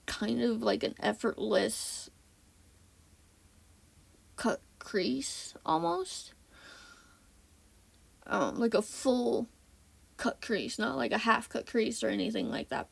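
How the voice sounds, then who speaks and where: A woman chats her way through a voiceover at home in a slow, unhurried drawl. Her voice sits a touch high and is full of gravelly vocal fry, a little off today. She rambles and corrects herself with plenty of ums. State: voice a bit off. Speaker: beauty vlogger. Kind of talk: casual voiceover chat. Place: home, indoors.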